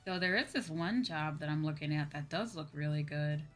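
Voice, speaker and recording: A deep-voiced American woman from the Midwestern United States talks at normal speed on her VTuber livestream, music playing behind her. She answers viewer comments casually and repeats phrases to emphasize them.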